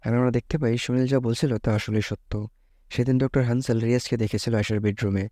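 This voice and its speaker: A man narrating a thriller plot recap in a casual, chatty way, tossing in joking asides. His tone is mellow and dark. He is recorded close on the mic and sounds dry. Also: mid-range voice, fairly even intonation, brisk, dry recording. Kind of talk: casual movie plot retelling.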